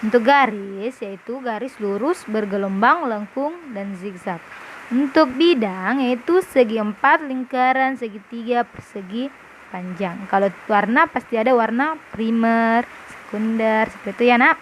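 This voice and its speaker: A woman's voice: fairly high pitch, a little slow, a little hiss or hum. A woman primary school teacher reviewing a lesson for her pupils, explaining step by step and often checking whether they understand. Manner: patient, explaining step by step, often asks "paham?". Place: classroom with a whiteboard.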